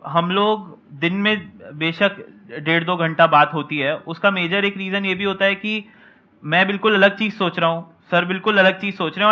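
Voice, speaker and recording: A man speaking in a measured, explanatory way as a business co-founder on a discussion panel, mixing English words into Hindi. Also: high voice, bright, forceful tone, muffled recording. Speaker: co-founder of an online coaching channel. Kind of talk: conversational panel talk.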